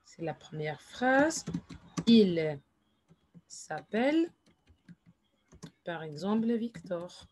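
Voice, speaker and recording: Slow, patient teacher woman. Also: fairly low pitch, big pitch swings, darkish tone, a little hiss or hum. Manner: patient, repeats each phrase slowly. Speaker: French teacher. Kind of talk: slow classroom explanation with English asides.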